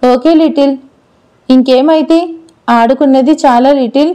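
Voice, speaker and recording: A playful, doting grown man teases and coaxes a little girl in a storybook, voiced by a woman. The voice stays high and mellow and does not drop to a man's range. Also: fairly even intonation, normal speed, lightly acted. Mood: warm. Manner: teasing, coaxing.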